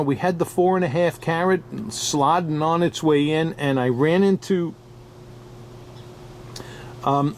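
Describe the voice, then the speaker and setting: Chatty New York man, fairly high voice. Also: darkish tone, a little hiss or hum. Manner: chatty, chuckling, loose and unscripted. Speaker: diamond dealer. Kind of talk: casual product review vlog.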